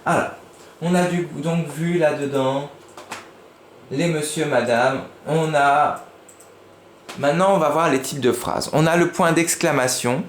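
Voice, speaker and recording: A man giving a lively lesson to young children, using playful voices. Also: fairly high pitch, a little slow, long pauses. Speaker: teacher. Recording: echoey room with faint noise.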